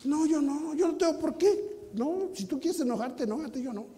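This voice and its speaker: A man preaching a sermon as pastor, emphatic and teasing, swinging between loud and hushed. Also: very high voice, expressive, normal speed, big-room sound, slight background noise. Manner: teasing, mocking asides to the congregation.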